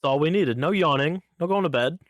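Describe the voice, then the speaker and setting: A man co-hosting a podcast in casual chat, telling stories in an easygoing, teasing way with halting restarts. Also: on the high side, dry recording, studio quality. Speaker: podcast co-host.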